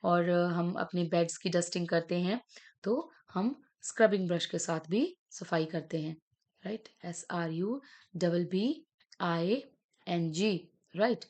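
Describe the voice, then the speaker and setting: A woman teacher, giving a lesson. She talks slowly and sounds out words syllable by syllable, mixing into her speech. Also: on the low side, darkish tone. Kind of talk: online class lesson.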